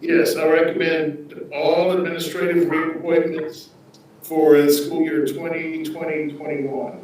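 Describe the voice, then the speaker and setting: A man, the superintendent, giving formal recommendations over a video call in a slow, measured way. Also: fairly high pitch, little pitch movement, a little mellow. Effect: remote video call audio. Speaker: school superintendent. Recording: echoey, distant call audio.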